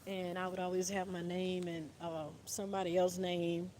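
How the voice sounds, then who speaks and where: A woman's voice: lowish voice, level tone, moderate pace, darkish tone. A woman talking casually on a livestream outdoors in the wind, rambling and repeating "you know what I'm saying" while calling listeners "baby". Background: light wind.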